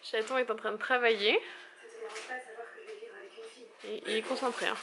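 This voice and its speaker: A mother chatting casually as she calmly explains her child's schoolwork step by step. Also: fairly high pitch, a little slow, creaky, a crowd in the background. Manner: explains step by step, calm and practical. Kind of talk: casual chat.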